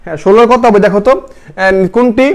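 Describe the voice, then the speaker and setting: A man's voice: sits high, quick pace. A young man teaching a live online grammar class for admission test students, repeating each question and quizzing his viewers.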